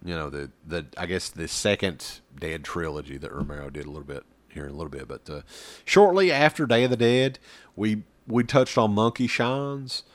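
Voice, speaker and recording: A man with a very low voice rambles through a casual chat, full of fillers and the odd swear word. His pitch swings widely as he talks. The sound is dry and close. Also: expressive, moderate pace, no echo. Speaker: podcast co-host. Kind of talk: casual chat about horror films.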